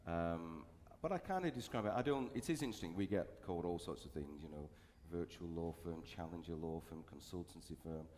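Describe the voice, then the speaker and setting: A man's voice: deep voice, a little fast, a little mellow, a little hiss or hum. A man on a legal panel describing his firm's model in a candid, opinionated way. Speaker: panelist, law firm founder. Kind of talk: panel discussion. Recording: reverberant hall with faint ambience.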